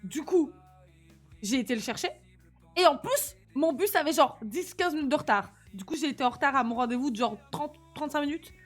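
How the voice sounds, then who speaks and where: A woman's voice: high voice, expressive, brisk, soft background music. A young woman with a slight lisp and slushy s sounds, chatting casually and animatedly in slang as she livestreams. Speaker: live streamer.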